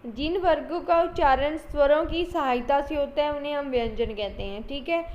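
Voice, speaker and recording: A woman's voice: high-pitched, moderate pace, a little mellow. A woman teacher gives an online exam-prep lecture, repeating points and calling her students children. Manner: repetitive, coaxing, addresses students as children. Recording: dull lo-fi audio with faint hiss.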